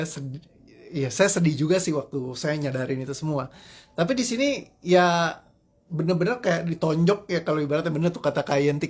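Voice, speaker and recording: A man coaching in a live-streamed talk, telling personal stories in a chatty, self-deprecating way and laughing often. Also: a little high. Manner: conversational, sprinkles agreement tags. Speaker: motivational coach.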